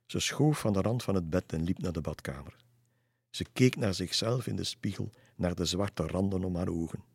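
Deep, husky male storyteller. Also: dry recording, clean studio sound. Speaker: narrator. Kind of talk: storybook reading.

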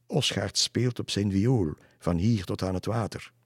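A man's voice: on the low side, unhurried, husky, no echo, clean studio sound. A man voicing a mocking, shape-shifting male fiddler spirit who taunts people in a folk tale. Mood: mocking song.

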